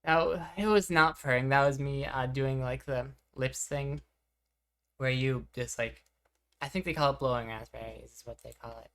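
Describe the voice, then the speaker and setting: A young woman with an exceptionally low voice chats casually on a live stream. She rambles, reacts to her chat, and teases herself between tasks, all at a relaxed pace. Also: moderate pace.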